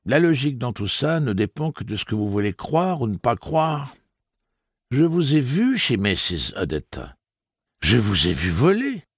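A man's voice: mid-range voice, breathy edge, no echo, clean studio sound, pitched above the performer's own voice. A man voicing an earnest young man in an audiobook, who argues his point patiently and insistently. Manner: earnest, pressing, argumentative. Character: young man, persistent, reasoning. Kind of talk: audiobook character voice.

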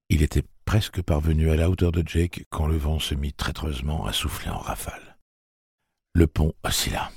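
A man reading a novel aloud as an audiobook narrator, with a gravelly, husky voice and a steady, measured delivery. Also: very deep voice, dry recording, studio quality. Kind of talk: scripted narration.

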